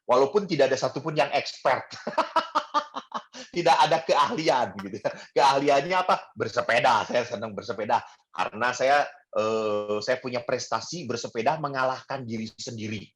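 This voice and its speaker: A man's voice: medium pitch, expressive, moderate pace, a bit bright. Man preaching with easygoing humor. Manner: humorous, anecdotal storytelling with hesitant fillers. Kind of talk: sermon.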